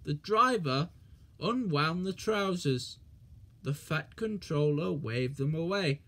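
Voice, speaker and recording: A narrator reading a children's railway story aloud in a slow, expressive way. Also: medium pitch.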